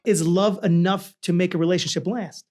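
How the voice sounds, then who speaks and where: High-pitched man hosting a casual chat. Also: fairly even intonation, fairly quick, music in the background. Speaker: talk show host.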